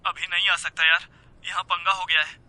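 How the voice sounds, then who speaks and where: A man's voice: high-pitched, level tone, normal speed, sharp tone, no room sound. An actor playing a young male friend who stammers and rambles evasively on a phone call. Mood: flustered.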